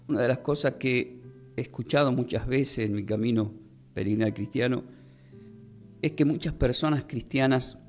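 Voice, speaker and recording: A man preaches a sermon at a mid pitch. He talks in a measured way and slows down to stress key words. Faint instrumental music plays softly behind him.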